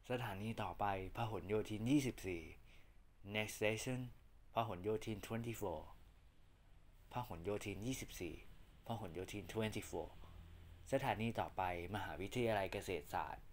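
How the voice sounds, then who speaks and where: Male train announcement voice, calm and unhurried, slightly low, formal and evenly paced. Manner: formal, measured, evenly spaced phrases. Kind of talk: pre-recorded train station announcement.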